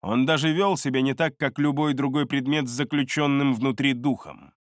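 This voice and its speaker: Man, audiobook narrator, calm measured reading, close mic, dry sound. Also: mid-range voice, no room sound. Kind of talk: scripted first-person narration.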